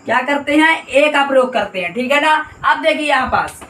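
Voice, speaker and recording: A man's voice: very high-pitched, lively intonation, brisk, pushed and bright. A male grammar teacher explaining a lesson, repeating points and quizzing listeners with constant questions. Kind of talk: classroom explanation. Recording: echoey room, distant mic.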